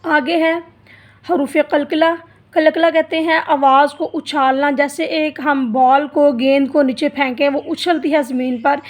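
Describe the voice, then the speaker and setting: A high-voiced woman gives a beginners' Quran reading lesson at an unhurried pace. She explains each group of letters patiently and stretches out their sounds to demonstrate them. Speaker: Quran teacher. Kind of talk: slow step-by-step lesson.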